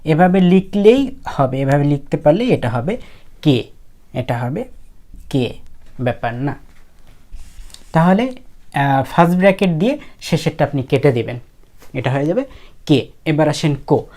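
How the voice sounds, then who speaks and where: Low-voiced woman teaching handwriting. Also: expressive, measured pace, long pauses, mellow. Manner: casual and conversational, thinks aloud with fillers. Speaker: language teacher. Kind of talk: explaining how to write characters.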